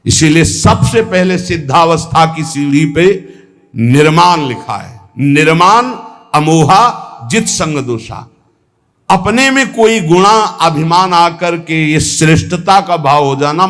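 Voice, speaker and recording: Slow, echoing male spiritual teacher. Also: fairly high pitch, a bit bright. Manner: slow, measured, drawing out and half-singing verses. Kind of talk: devotional discourse.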